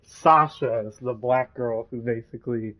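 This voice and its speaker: A man's voice: medium pitch, a little slow, a bit bright. A man narrating a casual role-play story, rambling with many fillers, on a dull lo-fi recording. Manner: rambling, full of fillers like "like" and "you know".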